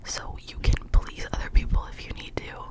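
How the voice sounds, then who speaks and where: Softly whispering, this ASMR host offers encouraging affirmations as a kind of pep talk, frequently going back over phrases at a slow pace.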